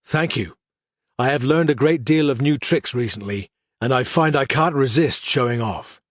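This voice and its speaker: A man's voice: mid-range voice, normal speed, dry recording, close to an everyday voice. Man playing a twitchy mad one-eyed male assassin, mocking, theatrical, audiobook, dry recording.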